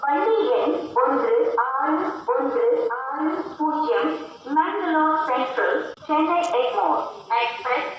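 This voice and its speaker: A woman making a recorded railway announcement over a station loudspeaker, measured and reading numbers out digit by digit. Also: sits high, lo-fi sound. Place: railway platform. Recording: echoey distant loudspeaker, noisy platform.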